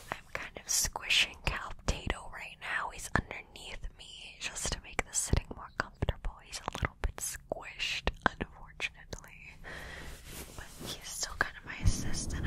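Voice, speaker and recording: Whispering woman doing soothing ASMR. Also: rough recording. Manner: hushed, slow, gently reassuring with repeated soothing phrases. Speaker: ASMR host. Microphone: fluffy-covered mic close up, sounds from ear to ear. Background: soft mic scratching and brushing.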